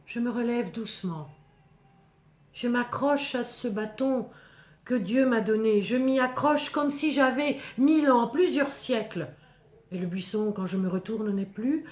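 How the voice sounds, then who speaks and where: A woman's voice: on the high side, close to an everyday voice. A woman voicing Moses, a humble, fearful shepherd, in intense, theatrical first-person biblical storytelling. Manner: theatrical, intense, measured short phrases. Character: Moses, terrified humble male shepherd telling his encounter. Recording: echoing, reverberant voice recording.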